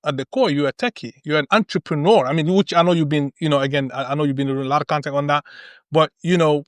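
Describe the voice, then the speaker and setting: A man's voice: fairly high pitch, fast talker, no room sound, studio quality. A man hosting a roundtable discussion, talking emphatically and checking in with "right?" and "okay?". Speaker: podcast host.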